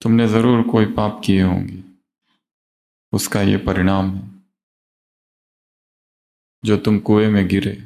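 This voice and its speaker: A man voicing a male monk who calmly lectures in a detached, scripture-quoting way. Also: on the low side, takes it slowly, gravelly, pauses often. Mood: lecturing.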